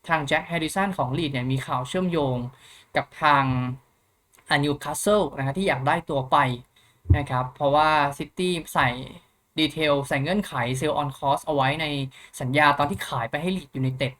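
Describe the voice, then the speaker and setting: A man's voice: fairly high pitch, normal speed, a bit bright. A young man hosting a football news channel, chatting casually through the latest updates with many polite filler particles and thinking aloud.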